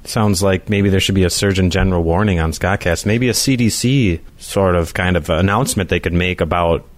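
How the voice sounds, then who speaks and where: A man's voice: sits low, fairly quick. A man joining a podcast as guest over a remote call, teasing the host and laughing often. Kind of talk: casual podcast chat.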